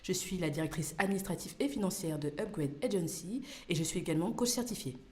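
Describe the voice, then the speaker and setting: Fast-talking woman making her case. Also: fairly low pitch, lively intonation, mellow, breathy edge. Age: 30s. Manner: argues her point step by step. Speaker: podcast co-host. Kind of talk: casual family podcast chat.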